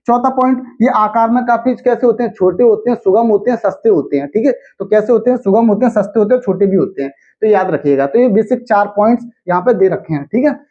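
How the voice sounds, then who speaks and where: A young adult male teacher giving a classroom lecture. He repeats each point back as a question to the students and slowly chants the memory aids. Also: high voice. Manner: slow sing-song chanting of mnemonics. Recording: dull lo-fi sound.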